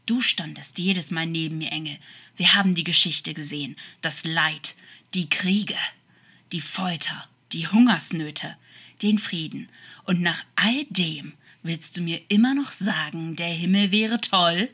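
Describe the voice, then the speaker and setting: A woman's voice: on the low side, measured pace, sharp tone, husky, full character voice. A woman voicing a cold, scornful angel who speaks with hard contempt, in an audiobook fan-fiction reading.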